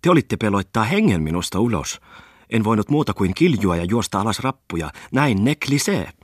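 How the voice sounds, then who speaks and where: A man reading aloud voices a showy, chattering merchant's wife who speaks Finnish with a foreign lilt, rattling on in a lively, theatrical way. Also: on the low side, slightly rough, no echo, clean studio sound, voice pushed up, full character voice. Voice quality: foreign-sounding Finnish, chirpy and lilting.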